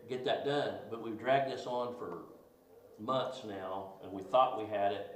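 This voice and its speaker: A man at a city committee meeting, laying out his points plainly and in order. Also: lowish voice. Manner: direct, lays out points in order. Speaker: committee member. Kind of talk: public meeting discussion. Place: council meeting room. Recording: echoey room with faint noise.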